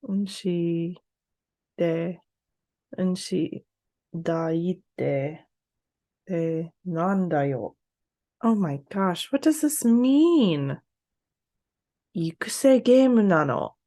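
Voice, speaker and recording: A woman's voice: fairly low pitch, mellow, no room sound, clean studio sound. A woman who is a native English speaker, casually studying a language aloud, talking to herself and repeating syllables as she sounds them out. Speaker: language learner hosting a practice session.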